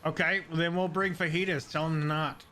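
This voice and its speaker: A man's voice: fairly high pitch, fairly even intonation, pushed and bright, slight background noise. A man chatting casually with a friend while gaming, joking, swearing and laughing often. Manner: profane, joking, quick to laugh. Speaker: gamer. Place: Saint Louis.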